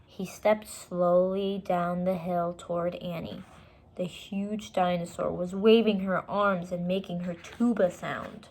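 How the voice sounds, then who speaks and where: Reading a children's story aloud, a woman narrates in a lowish voice. She delivers it with deliberate, expressive drama.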